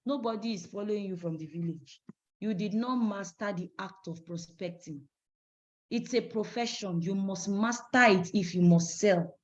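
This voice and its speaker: A woman's voice: medium pitch, moderate pace, a little mellow. A woman with a Nigerian English accent giving a motivational sales training talk, emphatic and preachy, acting out phone calls as she teaches. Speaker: business trainer. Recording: dull lo-fi recording.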